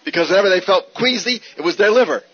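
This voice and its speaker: A man with a high, slightly rough voice talks fast, teaching Scripture as a Bible teacher. The sermon is animated, reinforced by rhetorical questions and repetition, on a dull older recording.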